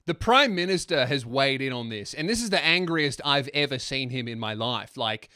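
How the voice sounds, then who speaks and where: A man's voice: mid-range voice, expressive, moderate pace, sharp tone, no room sound, clean studio sound. An Australian man hosting satirical comedy commentary, brash and sweary, mocking as he talks.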